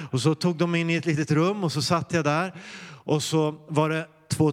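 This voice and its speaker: A middle-aged Swedish man preaching a sermon, telling personal stories with earnest warmth and rising into fervent calls to prayer. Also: fairly high pitch, in a large hall. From Sweden. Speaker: pastor.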